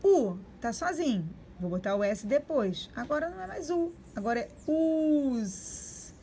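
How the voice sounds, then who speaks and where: A woman teaching young children to read and spell, sounding out syllables slowly and clearly. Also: a little high, sing-song, mellow, a little hiss or hum. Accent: Brazilian Portuguese. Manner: slow, drawn-out sounding-out of syllables. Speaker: primary school teacher. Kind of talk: remote reading and spelling lesson for young children.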